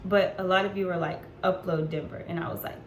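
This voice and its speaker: Talking fast in a lowish voice with fairly even intonation, a woman in her 40s vlogs casually to camera, chatty and unfiltered, with lots of ums. Faint background noise and room echo are audible.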